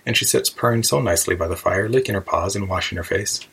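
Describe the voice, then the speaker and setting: Man voicing a polite, husky-toned little storybook girl. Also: deep voice, fast talker, fairly bright tone, full character voice, rough recording. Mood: eager, chatty. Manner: earnest, rambling, apologetic. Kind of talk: children's storybook character voice.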